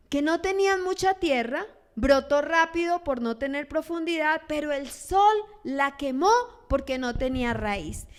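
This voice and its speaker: A woman pastor, preaching a sermon in an animated way. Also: very high-pitched. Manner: animated, acts out churchgoers' lines in quoted voices.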